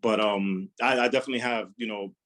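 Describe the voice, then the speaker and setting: His voice is lowish, steady in tone and fast as this young chef answers cooking questions at a relaxed live demonstration. He speaks loudly enough to carry, frequently repeating himself and dropping in fillers.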